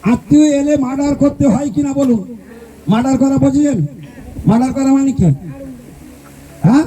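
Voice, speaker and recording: A man's voice: very high voice, mellow, low-quality recording. A male preacher giving a devotional sermon at a home gathering, asking the audience rhetorical questions and leading call-and-response. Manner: mimics relatives in quoted speech. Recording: faint background noise and clicks.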